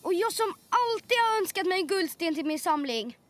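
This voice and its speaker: A woman's voice: extremely high pitch, animated, a bit bright. A woman dubbing a playful young boy prince in a children's cartoon, using grand royal phrases. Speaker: cartoon character. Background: children's music.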